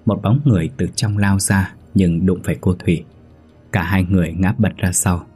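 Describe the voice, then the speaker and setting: A man narrating a horror story in a steady, even storytelling manner. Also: deep voice, moderate pace, slightly rough, soft background music.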